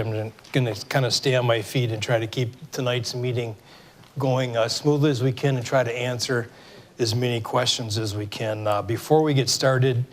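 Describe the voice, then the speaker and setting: A middle-aged man with a Michigan accent and a mid-range voice, scratchy from a cold, is running a town hall meeting in the city hall meeting room. As the moderating mayor, he speaks informally, full of fillers and restarts, into a microphone set up for a televised recording.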